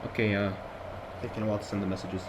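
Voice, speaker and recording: Very fast and flat, his fairly low voice comes through a very noisy computer mic. He's a young man from Jordan with an American accent, a student lecturer rambling casually on an online voice call. The review session is chatty, packed with fillers and restarts.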